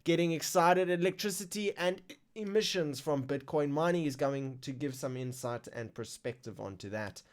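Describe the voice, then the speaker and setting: Excitable male crypto stream host, hiccuping. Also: a little high, normal speed. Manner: excitable, exclaims over numbers. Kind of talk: casual live-stream news roundup.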